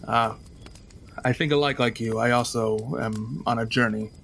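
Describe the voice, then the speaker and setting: A man playing a polite, earnest wandering journalist adventurer in a tabletop game, speaking in measured, formal, hesitant phrases. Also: medium pitch, steady tone, gravelly, fairly bright tone, slight background noise. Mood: courteous, calm. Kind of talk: tabletop role-play in character.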